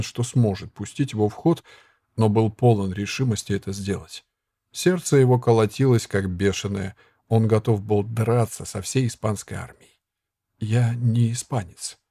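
A man narrating an audiobook in a measured, even storytelling manner. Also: lowish voice, slightly rough, dry recording, clean studio sound. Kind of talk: audiobook reading.

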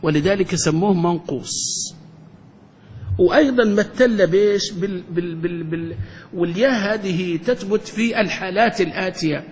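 A man, a sheikh teaching a classroom grammar lesson who keeps quizzing the class and slowly draws out his example phrases. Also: a little mellow. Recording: reverberant hall with faint rumble.

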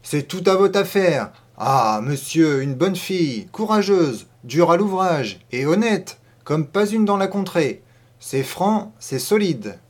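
A man's voice: fairly high pitch, normal speed, close to an everyday voice. A man voicing a talkative middle-aged peasant farm wife who speaks emphatically in a storybook reading. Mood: eager. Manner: emphatic, warming up, hesitant at first. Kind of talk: audiobook character voice.

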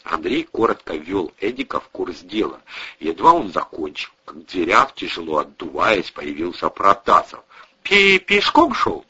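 A man reading a crime novel aloud as an audiobook, expressive and voicing every character, on a dull lo-fi recording. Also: sits low, moderate pace, slightly rough. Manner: expressive, voices all characters. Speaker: audiobook reader. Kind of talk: audiobook narration.

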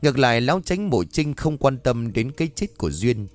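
Man, ghost story narrator, animated delivery, faint music bed. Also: medium pitch, brisk. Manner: dramatic, expressive telling.

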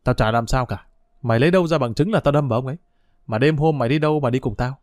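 A man voicing a sly, stubborn village dog thief who taunts and scorns in quick, rough speech. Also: mid-range voice, a little mellow, no echo, clean studio sound, lightly acted. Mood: scornful, taunting.

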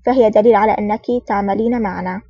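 A woman reading the lines of a stern, terse male secret agent in a curt, commanding manner, in a fast, flat reading voice. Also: mid-range voice, breathy edge, no room sound. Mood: serious. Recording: dull, distant, dry recording.

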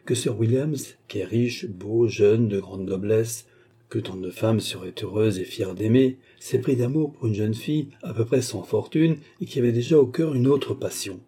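A man's voice: lowish voice, moderate pace, dark tone, husky. A man reading a sly middle-aged father. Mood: confiding. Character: middle-aged father, a scheming office chief.

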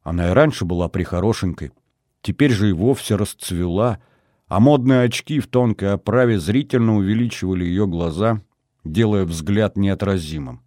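A man narrating a novel in the first person, measured and wry. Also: deep voice, warm tone, no room sound, clean studio sound. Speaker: audiobook narrator.

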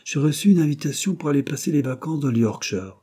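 Animated and quick, a man's fairly high, mellow, slightly rough voice sits above his natural pitch as he narrates an audiobook. He's voicing a sulky, restless young male student who pleads and sulks petulantly.

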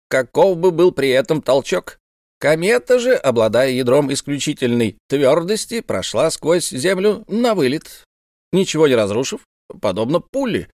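A man's voice: fairly high pitch, a little mellow, no room sound, studio quality, pitched above the performer's own voice. A man voicing a proud, eccentric old male professor who lectures emphatically in an audiobook reading.

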